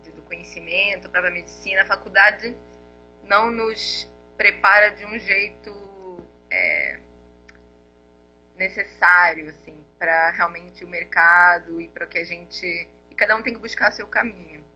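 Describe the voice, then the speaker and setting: A woman's voice: lowish voice, lively intonation, measured pace, pushed and bright, highs cut off, soft background music. A woman raised in Angola, a nutritionist guest in a live video interview, explaining her work while thinking aloud. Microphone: earphone mic.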